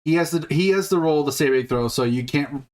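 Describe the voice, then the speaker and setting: A man's voice: fairly high pitch, brisk, darkish tone. A man running a tabletop role-playing session as game master, patiently explaining the rules and thinking aloud as he goes.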